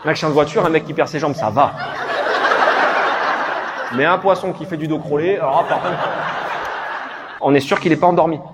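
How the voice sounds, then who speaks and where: A man's voice: fairly high pitch, brisk, pauses often. A man with a southern French accent doing improvised stand-up crowd work, teasing and mocking audience members and echoing their answers back to them. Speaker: stand-up comedian. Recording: live comedy room, loud crowd laughter and noise. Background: audience laughing and loud room noise.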